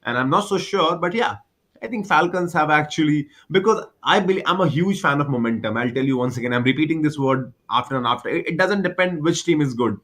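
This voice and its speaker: A man's voice: a little high, lively intonation, fairly quick, fairly bright tone. A man doing live baseball commentary, chatty and repetitive, explaining the game for cricket fans.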